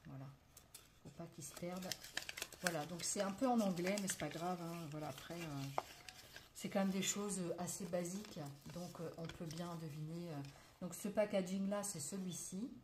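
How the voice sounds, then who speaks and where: Woman with a French accent, lower voice, chatty unboxing, loud crinkling noise. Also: normal speed. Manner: chatty, many fillers and "voilà", narrating her hands. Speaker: crafts vlogger. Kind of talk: casual show-and-tell unboxing. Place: indoors at a table, not her home. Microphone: phone camera.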